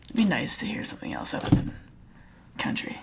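Young female musician, blunt and casual, crowd chatter in the background. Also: a little fast. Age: 20s. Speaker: band member. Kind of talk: casual interview chat. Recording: crowd noise behind.

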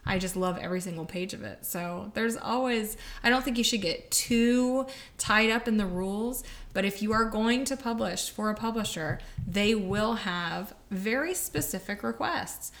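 A woman's voice: mid-range voice, normal speed, hardly any pauses, fairly bright tone. A woman co-hosting a podcast, giving writing advice in a frank, punchy, casual chat. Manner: candid, punchy, laughing. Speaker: podcast co-host, author.

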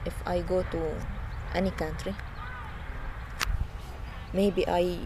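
Young Syrian woman with an Arabic accent, halting broken English, earnest interviewee, noisy outdoor field recording. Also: lowish voice, little pitch movement. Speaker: refugee interviewee. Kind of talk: casual interview. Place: refugee camp outdoors.

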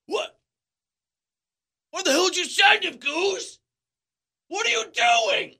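A man putting on the voice of an angry youth baseball manager, shouting at a coach in a shrill, high outburst. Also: sing-song, slow pace, exaggerated voice. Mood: furious. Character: furious male youth baseball manager yelling.

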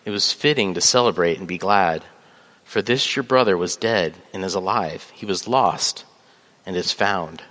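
A pastor with a lowish, sharp-toned voice delivers a sermon at a measured pace, pausing on filler words and reading scripture aloud. A long reverb surrounds him, like the sound of a church hall.

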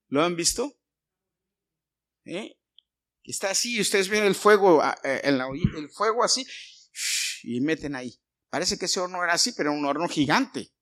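A middle-aged man with a Mexican Spanish accent preaching a sermon, retelling a Bible story, going from hushed asides to loud bursts. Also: a little high. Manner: storytelling with many pauses, swings from hushed to loud.

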